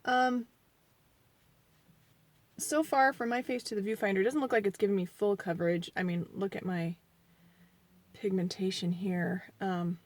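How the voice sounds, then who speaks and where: Speaking at a moderate pace with frequent pauses, a woman in her forties uses a steady, medium-pitched voice to review a foundation casually. This beauty vlogger is chatty, rambling and hard on herself in a joking way, slightly sniffly from allergies, and she mumbles more softly as she applies the makeup.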